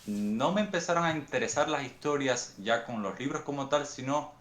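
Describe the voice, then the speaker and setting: Cuban man, unhurried, roomy sound. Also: medium pitch, lively intonation, fairly bright tone. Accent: Cuban Spanish. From Cuba. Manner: thoughtful, unhurried storytelling with frequent restarts. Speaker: guest author. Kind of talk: reflective interview answers.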